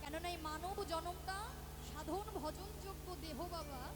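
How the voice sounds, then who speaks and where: A woman's voice: very high-pitched, normal speed. A woman kirtan singer, preaching to a devotional gathering and coaxing the audience with teasing questions. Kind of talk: devotional sermon and chanting. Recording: echoey hall with loud music.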